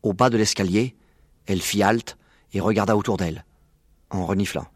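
A man calmly reading a children's story aloud. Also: on the low side, moderate pace, husky, no echo, clean studio sound. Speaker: narrator.

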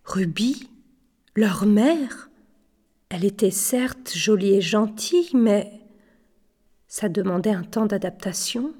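A woman narrating a children's storybook in a gentle, measured way. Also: mid-range voice, expressive. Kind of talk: audiobook narration.

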